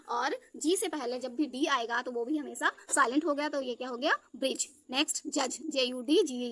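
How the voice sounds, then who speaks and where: High, bright-voiced woman teacher. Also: no echo. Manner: spells words letter by letter, checks with "ठीक है". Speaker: English teacher. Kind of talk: spelling lesson for students.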